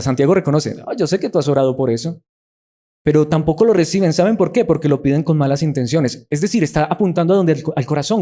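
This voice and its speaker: Earnest preacher man, mellow voice. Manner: earnest, many rhetorical questions, drops to a soft low voice for emphasis. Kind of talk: sermon.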